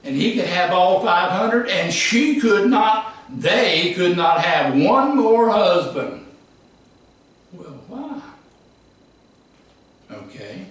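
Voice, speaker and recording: A man preaching a sermon, emphatic, rising to shouts and dropping low. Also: sing-song, takes it slowly, pauses often. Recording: echoey hall from far off.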